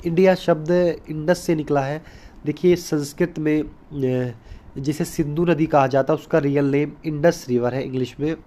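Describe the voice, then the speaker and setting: A man with a somewhat high-pitched voice gives a recorded school lesson. He explains patiently and step by step, stops often to stress the important points, and slips English terms into his Hindi. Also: fairly even intonation, normal speed, dark tone. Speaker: teacher.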